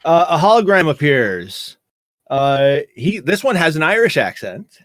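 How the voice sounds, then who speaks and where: Male podcast co-host, wry recapper, voice on the higher side, dead-dry mic. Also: sing-song, unhurried, a bit bright, no room sound. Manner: recaps scenes, dry joking asides. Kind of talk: casual chat.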